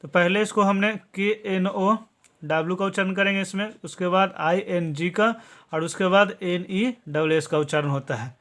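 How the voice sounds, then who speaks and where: A man teaching a spoken lesson, slowly spelling out words letter by letter, repeating each point and ending phrases with a checking "theek hai". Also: high voice, a bit bright. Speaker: English teacher. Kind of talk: classroom-style spoken lesson.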